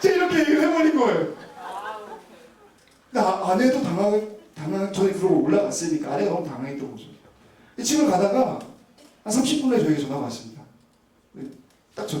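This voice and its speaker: A man preaching in a lively, storytelling way, his pitch swinging high and low as he acts out quoted voices. He sounds rather high for a man and stands away from the mic. The sound carries in a big, echoey church hall. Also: racing. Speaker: pastor. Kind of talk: sermon with personal anecdote. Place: church sanctuary. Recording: roomy church hall, voice from a distance.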